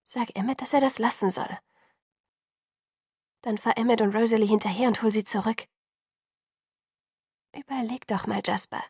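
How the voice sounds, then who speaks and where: A woman's voice: a little high, steady tone, moderate pace, long pauses, darkish tone, slightly rough, no room sound, studio quality. A woman voicing an anxious young woman who speaks urgently and often drops to a whisper. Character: anxious young woman pleading in hushed tones.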